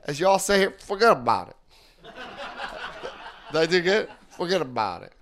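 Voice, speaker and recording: This recovery workshop speaker from New Jersey has a high, very animated voice with a fairly bright tone, and he takes his time. Walking the group through a book, he jokes, tells stories, and keeps checking in with them.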